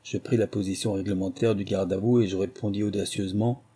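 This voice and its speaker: A man narrating a novel in a steady, measured storytelling voice. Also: lowish voice, slightly rough. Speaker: audiobook narrator.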